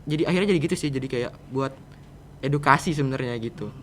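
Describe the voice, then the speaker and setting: Speaking fast in a mid-range voice, this Jakarta-accented teenage student fields interview questions informally, wandering around his answers. He's the guest on the show and heads a podcast project. Clear background noise and the sound of the room come through.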